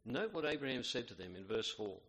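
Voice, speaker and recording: A man preaches a sermon, reading scripture aloud in a measured, reverent way. His voice sits at a middle pitch. It rings out with the long reverb of a big hall. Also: expressive, fairly bright tone, slightly rough. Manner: measured, reverent, with fillers and restarts.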